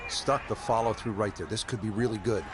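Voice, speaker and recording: A man playing a composed golf commentator, with measured, scripted broadcast delivery and folksy asides, in a video game. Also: lowish voice, lightly acted. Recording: crowd ambience and clear background noise. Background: golf crowd ambience.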